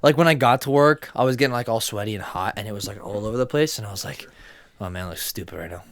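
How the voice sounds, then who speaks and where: A man's voice: on the low side, fast talker, no echo. A young man co-hosting a casual podcast, joking around and laughing a lot. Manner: jokey, laughs a lot, drops to whispers. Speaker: podcast co-host. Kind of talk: casual chat.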